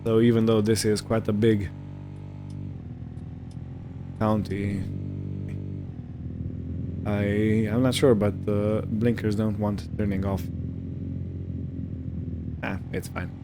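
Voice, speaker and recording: A gaming video host with a lowish, level voice gives casual roleplay gameplay commentary, speaking slowly with frequent pauses as he muses aloud and narrates his actions. Faint vehicle and ambient sounds, along with background noise, sit behind him.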